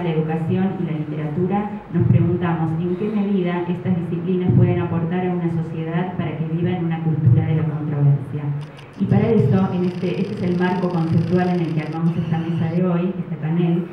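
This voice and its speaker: Argentine woman moderator, hesitant, lower voice, distant phone-like echoey hall recording. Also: background noise. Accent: Argentine Spanish. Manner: hesitant, many filler sounds. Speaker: event moderator. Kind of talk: hesitant public speaking. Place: community center hall.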